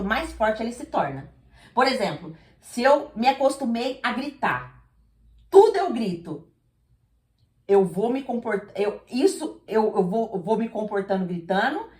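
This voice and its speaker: Emphatic woman preaching in an echoey room. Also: fairly high pitch. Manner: emphatic, asks listeners "entendeu?", acts out dialogues. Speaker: preacher leading a women's prayer group. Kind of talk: sermon.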